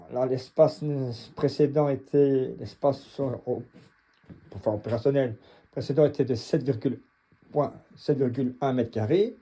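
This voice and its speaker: This home gym owner and vlogger is a middle-aged Belgian from around Mons, with a husky voice and a Belgian French accent. He leads an off-the-cuff tour in a blunt, colloquial, stop-and-start way, his medium-pitched voice dark in tone, with a little hiss or hum in the recording.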